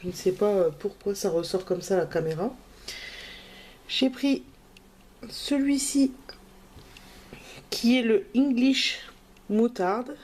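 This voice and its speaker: A woman's voice: mid-range voice, takes it slowly, pauses often, a little mellow, slight background noise. A woman crafting vlogger, talking in a casual, hesitant way with many fillers as she shows her purchases. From France. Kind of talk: casual haul video.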